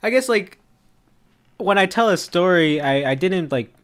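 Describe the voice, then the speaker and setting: A young man co-hosting a podcast in casual chat. He talks in a halting way, fills his sentences with "like" and laughs often. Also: high voice, expressive, a bit bright. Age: young adult. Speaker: podcast co-host.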